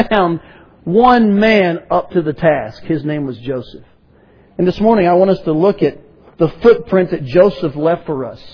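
A man's voice: sits high, slightly rough, lo-fi sound. A man preaching a sermon to a congregation, asking rhetorical questions and prompting his listeners to respond.

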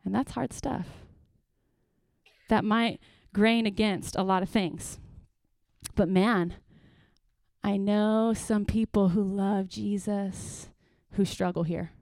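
A middle-aged woman pastor giving an earnest, lively workshop talk to parents, with praise asides and acted-out stories. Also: mid-range voice, no echo. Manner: lively storytelling, acts out quotes with bursts.

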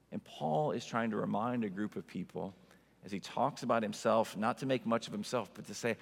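In a big, reverberant church, a man in his forties delivers an informal, emphatic sermon peppered with rhetorical asides. His mid-range voice is gravelly with a breathy edge.

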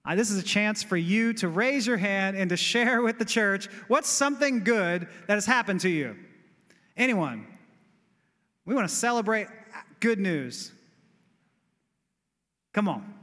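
A male pastor giving an animated, conversational sermon in a church that builds to exclamations. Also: sits high, unhurried, long pauses. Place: church sanctuary. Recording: long reverb of a church hall.

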